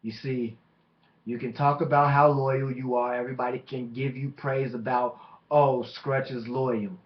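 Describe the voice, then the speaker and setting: A man delivering a boastful, taunting wrestling promo as a monologue, with deliberate dramatic pauses. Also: medium pitch, level tone. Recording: dull lo-fi microphone recording.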